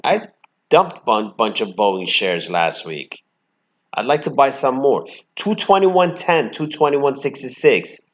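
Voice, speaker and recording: A man's voice: medium pitch, big pitch swings, measured pace. A man hosting a trading channel, giving live, brash commentary on his stock trades, swinging between emphatic outbursts and muttered asides.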